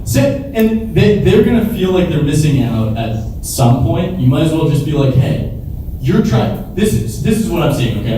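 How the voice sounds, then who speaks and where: A man giving an informal talk and answering questions, rambling through stories and acting out bits of dialogue. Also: mid-range voice. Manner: rambling, animated storyteller, often quoting imagined dialogue. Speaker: venture capitalist guest speaker. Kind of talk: informal Q&A talk to a live audience. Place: large echoey indoor room with an audience. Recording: echoey room, far mic, clear background noise.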